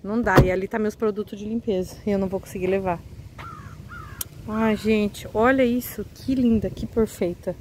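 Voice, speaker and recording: A woman's voice: medium pitch, steady tone, moderate pace, darkish tone, slight background noise, poor audio. Chatty woman vlogging outdoors. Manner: chatty, eagerly addresses viewers. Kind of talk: casual vlog walkthrough. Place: outdoors on a residential street.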